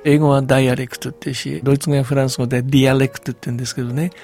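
An older man, a folktale researcher, chatting on the radio in a relaxed, explanatory way with soft trailing endings. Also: mid-range voice, racing, faint music behind.

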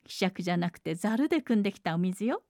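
A woman doing a tiny high-voiced headstrong girl. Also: lively intonation, racing, vocal fry, dry recording, studio quality. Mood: wilful. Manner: bright, wilful, pleading. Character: tiny clever headstrong bean-born girl.

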